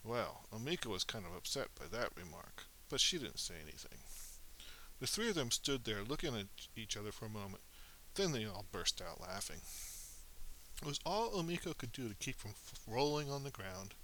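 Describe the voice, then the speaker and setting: A man narrating a children's story in an animated, expressive reading with small slips. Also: lowish voice, moderate pace, a little hiss or hum, rough recording.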